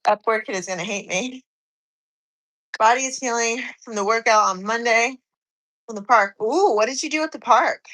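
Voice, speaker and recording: A woman's voice: on the high side, normal speed, pauses often, a bit bright, rough recording. A woman in her forties, slightly out of breath from cardio, chatting on a live stream and reading viewers' comments aloud. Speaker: fitness streamer.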